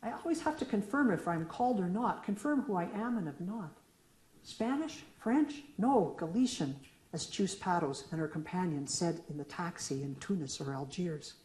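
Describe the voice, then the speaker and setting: Speaking to listeners in an echoey lecture room, the middle-aged poet moves from her question-and-answer poem into casual asides between readings of her own work. Her voice is lowish, animated and a little mellow, at normal speed.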